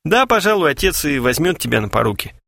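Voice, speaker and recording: A man's voice: on the high side, very animated, quick pace, vocal fry, bright, forceful tone, no echo, voice pushed up, full character voice. A man voicing a cool, mocking young prankster who talks in a dry, matter-of-fact way.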